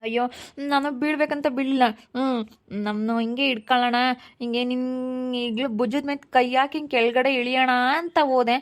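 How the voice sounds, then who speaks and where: A woman's voice: high-pitched, fairly even intonation, fairly quick, close to an everyday voice. A woman voicing a fallen man who whines that he cannot get up, with a Hiriyur Kannada accent. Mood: whining. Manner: whiny, pleading, sly teasing. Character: Sundara, a fallen man playing helpless.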